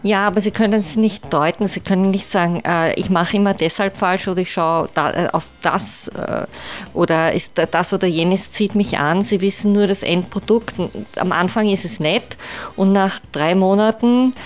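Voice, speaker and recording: A woman's voice: medium pitch, normal speed. Woman talking over a landline phone. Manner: explains at length, frequent hesitations. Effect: heard over a landline phone. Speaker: matchmaker guest on a call-in radio show. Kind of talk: casual radio chat. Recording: phone line, distant.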